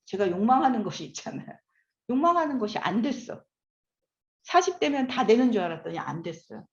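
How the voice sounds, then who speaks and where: A woman in her fifties giving a lecture, often asking the audience questions. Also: mid-range voice. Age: 50s. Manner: animated, asks the audience questions. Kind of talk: classroom lecture. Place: lecture room. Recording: echoey room, slightly dull sound.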